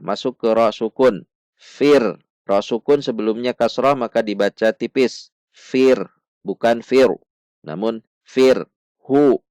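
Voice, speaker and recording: A man teaching Quran recitation in a slow step-by-step lesson, patiently repeating each syllable, contrasting right and wrong sounds and chanting verses melodically. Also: mid-range voice, a little mellow, no room sound.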